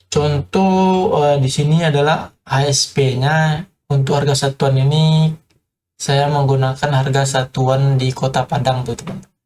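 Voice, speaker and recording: Flat-voiced man explaining building materials. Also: medium pitch. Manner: hesitant, frequent filler sounds, addresses viewers as friends. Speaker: construction explainer. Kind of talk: informal tutorial.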